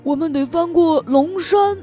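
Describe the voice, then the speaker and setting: A woman's voice: very high voice, a little slow, soft background music, pitched above the performer's own voice. A woman voicing an anxious little male gnome who swings from tearful to eager in a children's storybook. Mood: fretful. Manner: loud, emphatic, fretful. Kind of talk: storybook read-aloud for children.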